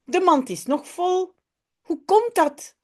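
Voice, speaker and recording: A woman's voice: extremely high pitch, lively intonation, slow pace, voice pushed up, full character voice. A woman reading a patient storybook mother.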